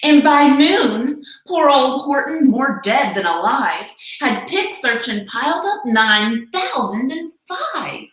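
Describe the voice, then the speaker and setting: Animated woman storyteller in very echoey room. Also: sits high, slow pace, hardly any pauses. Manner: dramatic, expressive, emphatic. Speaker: children's librarian. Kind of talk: animated storybook read-aloud.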